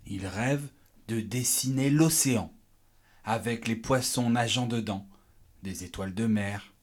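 A man reading a children's picture book aloud in a measured way. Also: mid-range voice. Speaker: reader.

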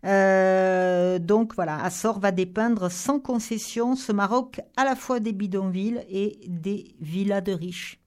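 A woman's voice: mid-range voice, fairly even intonation, slow, hardly any pauses, a little mellow. A woman speaking as a guest book critic on a radio show, talking through novels with frequent fillers and restarts. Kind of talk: radio book review chat.

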